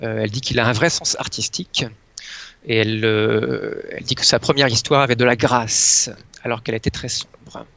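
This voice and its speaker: A man presenting as an astrologer guest in casual talk, hesitant and often pausing to search for his words. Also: medium pitch, steady tone, gravelly, fairly bright tone. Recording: dull lo-fi sound.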